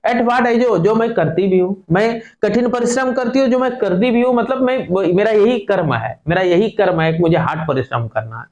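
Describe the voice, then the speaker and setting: A man's voice: sits high, expressive, a little fast, few pauses, darkish tone, reverberant. A male teacher explaining an English lesson to students, firing questions at the class and repeating their answers.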